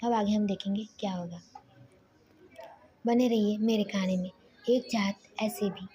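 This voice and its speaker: A woman's voice: mid-range voice, fairly even intonation, measured pace, mellow, low-quality recording. A woman narrating a spoken story casually, often restarting her sentences and sometimes whispering. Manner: loose, self-correcting, partly whispered.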